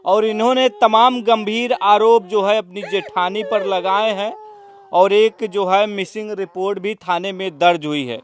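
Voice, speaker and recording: A woman reporting from the field and questioning an interviewee in a steady manner. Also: mid-range voice, unhurried. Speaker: news reporter.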